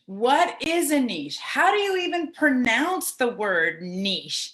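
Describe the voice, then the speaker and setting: Upbeat, direct woman coach in her forties, slightly high voice, chatty solo delivery. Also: fairly bright tone. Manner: upbeat, direct, conversational with fillers. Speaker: business coach and podcast host. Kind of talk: solo coaching talk to camera.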